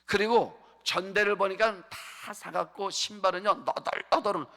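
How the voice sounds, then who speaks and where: A man's voice: sits high, steady tone, normal speed, bright, forceful tone. A male pastor preaching a sermon, asking the congregation questions and answering them himself. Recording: long hall reverb.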